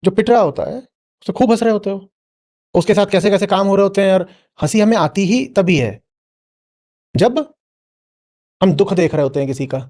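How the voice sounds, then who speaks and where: A man's voice: sits high, moderate pace, long pauses, a little mellow. A man giving a spoken discourse to a live audience, often prodding the listener with questions. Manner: questioning, prods listener with "hmm?". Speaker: spiritual teacher answering an audience member.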